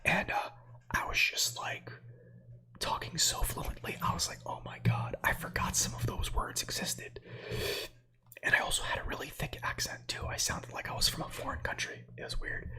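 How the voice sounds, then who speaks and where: A breathy, soft whisper at a moderate pace belongs to a Slovak-native ASMR streamer in his thirties living in the United States. He reads out space facts, interrupting himself with chatty, meandering comments to his audience.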